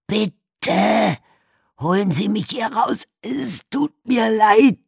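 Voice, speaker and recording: A man voicing a terrified man buried alive, pleading in a rough, desperate, high wailing voice. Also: lively intonation, extremely slow, no room sound, clean studio sound, full character voice. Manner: high, wailing, sobbing pleas.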